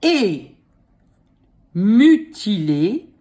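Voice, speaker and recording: A woman teacher dictating at a slow, measured pace with very lively, rising and falling pitch. She draws out each phrase deliberately and calls out punctuation, in a clearly didactic manner. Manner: dictating, drawing out words deliberately; didactic, posing questions and answering them herself. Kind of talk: dictating slowly word by word, with spoken punctuation and spelling explanations.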